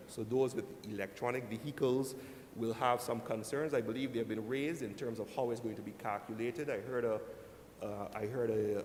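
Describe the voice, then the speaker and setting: A man giving a formal speech as a senator, deliberately addressing the chair and often saying "sir". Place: large indoor legislative chamber. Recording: echoey hall, rumbling background noise.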